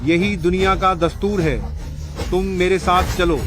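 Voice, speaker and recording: An actor playing a swaggering gambling-den thug who collects debts, in a Hindi drama dub. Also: male voice, high-pitched, fairly even intonation, measured pace, over music. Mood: sneering. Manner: sneering, swaggering. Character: brash male gambling-den thug, bullying debt collector.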